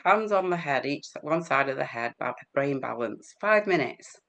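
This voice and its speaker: A woman with an English accent, a healer guest in an interview, chatting and telling stories quickly, laughing as she goes. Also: extremely low pitch, lively intonation, vocal fry, a bit bright. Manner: quick-talking. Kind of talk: casual interview storytelling.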